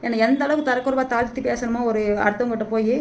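Fast pleading middle-aged woman vlogger. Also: on the high side, steady tone, slight background noise. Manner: pleading, repetitive, rapid-fire and agitated. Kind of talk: emotional direct-to-camera plea. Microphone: phone held in hand.

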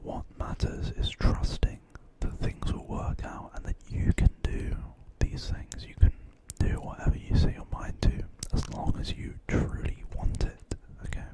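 A young man whispers a pep talk right up against a studio microphone. His voice is all breath, with no tone behind it. He rambles gently and reassuringly, like someone sharing ASMR affirmations. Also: a little slow, few pauses, rough recording. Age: 20s. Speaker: ASMR creator. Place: small quiet bedroom. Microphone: close large studio microphone on desk.

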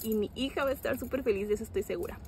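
A young woman talks to her phone camera at home and in the car. Her voice sits fairly high, and the faint noise behind her never goes away. She chats easily to viewers and turns soft and doting when she speaks to her daughter. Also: rapid-fire. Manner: chatty, switches to soft affectionate baby talk with her daughter. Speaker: family vlogger and mother. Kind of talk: casual vlog chat.

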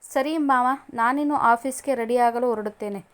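A woman's voice: a little high, moderate pace, lightly acted. A woman voicing a young woman in love who is jealous and indignant, read in a story. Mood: friendly.

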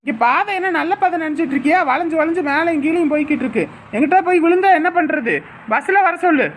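A brusque, stingy village husband, as a woman plays him, snapping his words out quickly in a fairly high voice. He scolds rather than talks. Faint noise sits behind him. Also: natural voice. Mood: impatient.

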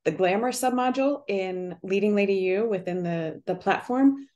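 A woman hosting a relaxed interview, talking in a friendly, affirming way. Her speech is loose and conversational, with small restarts. Her pitch sits in the middle. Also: normal speed, muffled recording. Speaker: host. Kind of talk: casual interview chat.

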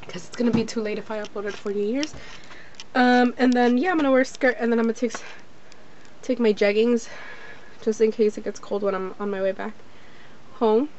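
Talking into a handheld camera held at arm's length, a young American woman records a casual, chatty vlog in her closet and bedroom. Her voice is a little high and a little mellow. She is informal and rambling, says "like" a lot, and the sound is dull and noisy.

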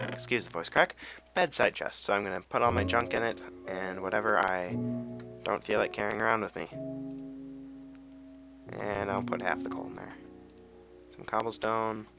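A man's voice: fairly low pitch, normal speed, gravelly, long pauses, music in the background. Young man rambling over gameplay. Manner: rambling, goes off on tangents, hums and sings to himself. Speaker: gameplay commentator. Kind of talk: casual gameplay commentary.

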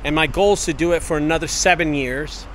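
A man in his late forties gives a casual walk-and-talk vlog through an empty warehouse and out in the open air. His voice sits slightly high, and he speaks earnestly, circling back to the same points. Faint outdoor noise runs behind him. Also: fairly quick, fairly bright tone. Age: 40s. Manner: earnest, repetitive motivational pep talk. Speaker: business owner vlogger. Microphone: wireless earbud mic, handheld camera.

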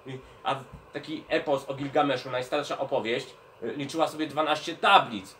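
A man's voice: mid-range voice, a little fast, a bit bright, recorded from a distance, slight background noise. Patient man explaining things to children. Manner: patient, explaining, checks in with the kids. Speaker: children's librarian. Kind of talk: children's educational talk.

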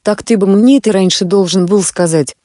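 A woman storyteller puts on a cheeky young peasant who stays unafraid and quick with a retort. The tone is warm and soft. The recording is dry. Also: medium pitch, dry recording, natural voice. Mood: calm. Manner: fearless and mocking.

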